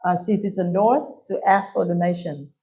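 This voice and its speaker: A woman in her thirties with a Vietnamese accent, answering interview questions in English softly and with frequent hesitations. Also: fairly low pitch, normal speed. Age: 30s. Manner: soft-spoken, hesitant with frequent ums. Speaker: guest.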